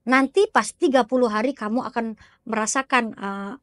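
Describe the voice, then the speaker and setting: Lady doing a sly healer giving orders, matter-of-fact, high dry voice. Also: normal speed, dry recording, lightly acted. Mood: sly instructing.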